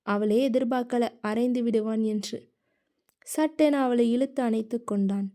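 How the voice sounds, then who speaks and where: Mellow-voiced woman narrating a novel. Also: fairly high pitch. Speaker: audiobook narrator.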